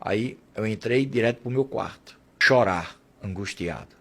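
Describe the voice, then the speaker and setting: A man with a fairly low voice, speaking a little slowly, delivers an impassioned religious testimony. As he tells it, he quotes prayers and repeats what family members said.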